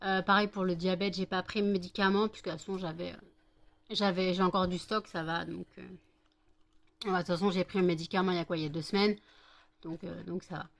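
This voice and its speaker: A woman's voice: lowish voice, steady tone, quick pace, creaky. A woman with a French accent vlogging from home, chatting casually about her day, rambling with many fillers and sometimes raising her voice to scold her dogs. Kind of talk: casual daily vlog chat.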